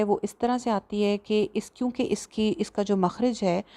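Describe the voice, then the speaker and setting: A woman teaching a tajweed lesson, patiently explaining and slowly demonstrating each letter sound. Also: mid-range voice, warm tone. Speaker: Quran recitation teacher.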